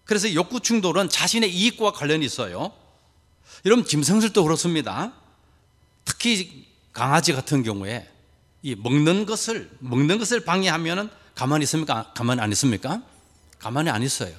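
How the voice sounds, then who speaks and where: Pastor preaching with lively pitch. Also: male voice, a little fast, big-room sound. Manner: asks the congregation rhetorical questions, folksy humorous asides. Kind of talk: sermon.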